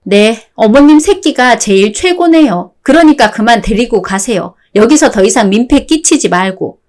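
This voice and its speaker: A synthetic woman's voice playing a fed-up wife, calm, sarcastic, firm, radio-drama style, slightly high voice. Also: moderate pace, natural voice. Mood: cutting. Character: fed-up wife, cool and cutting.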